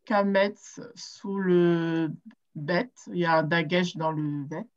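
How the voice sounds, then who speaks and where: A woman's voice: fairly low pitch, steady tone. A woman student in a language class, hesitantly reading out vowel signs. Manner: hesitant, slow. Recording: dull lo-fi sound.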